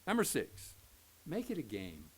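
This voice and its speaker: An older pastor with an Oklahoma Southern accent gives a folksy Sunday school lesson. His voice sits high and swings widely in pitch as he jokes and slips into the voices of the people in his stories. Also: a little slow, husky. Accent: Oklahoma Southern American. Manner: joking, animated, acts out quoted voices.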